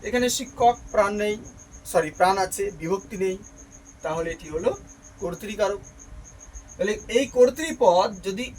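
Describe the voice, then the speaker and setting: A man's voice: sits high, a little mellow, a little hiss or hum, rough recording. A man teaching a grammar lesson, who explains each step patiently, repeats key terms, and asks questions that he answers himself.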